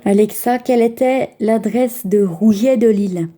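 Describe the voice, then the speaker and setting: A woman's voice: fairly high pitch, unhurried, mellow. Chatty French woman talking to a device. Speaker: vlogger. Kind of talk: casual chat.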